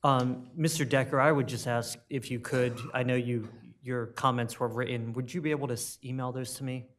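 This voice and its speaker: A man's voice: mid-range voice, fairly even intonation, normal speed, slight background noise. A man chairing a city committee meeting, politely moving through the agenda with frequent ums. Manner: polite, procedural, with frequent fillers.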